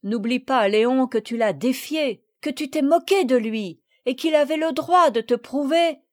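A woman's voice: high-pitched, a little slow. A woman voicing a frank young girl in a storybook reading, speaking in a firm, scolding way.

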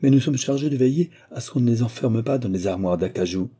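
A man's voice: mid-range voice, fast talker, dark tone, husky, pitched above the performer's own voice, close to an everyday voice. A man reading an audiobook, voicing a wry, authoritative police agent who speaks with dry irony. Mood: ironic.

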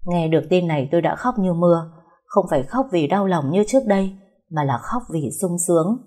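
A woman narrates a first-person tale at an unhurried, soft-spoken pace. Her voice is husky and mellow, pitched slightly low. It sounds intimate and close. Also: lively intonation. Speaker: storyteller.

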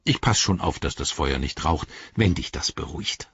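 A sturdy hobbit servant, as a male audiobook reader plays him, deep and husky, speaking bluntly and grumbling. The dry, dull recording sits close and lo-fi. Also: lively intonation, normal speed, a bit bright, dry recording, exaggerated voice. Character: stout-hearted gruff male hobbit servant. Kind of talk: audiobook character voice.

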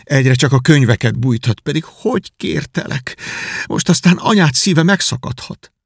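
A man's voice: medium pitch, expressive, gravelly, breathy edge, dry recording, clean studio sound, voice pushed up. A man voicing a poor, grieving mother who laments and pleads with her son. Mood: grieving, pleading. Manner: lamenting, imploring.

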